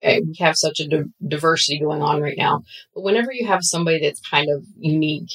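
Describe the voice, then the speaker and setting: A woman speaking as an interview guest and expert on women in the skilled trades, giving earnest, steady advice. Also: sits low, fast, husky, rough recording. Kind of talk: conversational interview.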